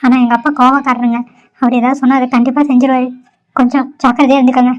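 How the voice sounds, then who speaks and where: A sad, despairing young woman in a homemade cartoon, voiced by a woman. Her voice is high and she speaks sorrowfully. The recording sounds dull and lo-fi. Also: flat delivery, quick pace, close to an everyday voice. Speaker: cartoon character.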